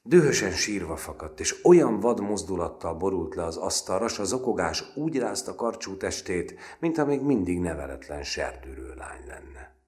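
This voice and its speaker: Male audiobook narrator, very low bass voice, measured literary reading, phrase endings trailing off breathy and hushed. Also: sing-song.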